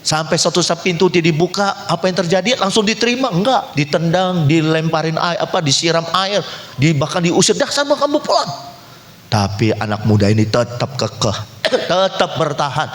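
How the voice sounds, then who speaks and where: A man preaching a sermon as pastor, with dramatic leaps to high cries and drops to low, quiet lines. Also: normal speed. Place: church. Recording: long church hall reverb.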